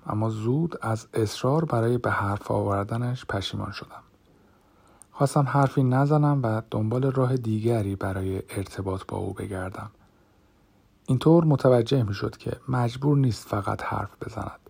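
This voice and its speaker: Gravelly-voiced man narrating an audiobook. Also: lowish voice, a little mellow. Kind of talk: first-person audiobook narration.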